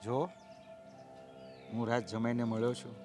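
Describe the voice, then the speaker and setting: A middle-aged actor playing a humble father who pleads earnestly and tries to calm others. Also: mid-range voice, measured pace, soft background music, natural voice. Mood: pleading. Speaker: actor in a family drama.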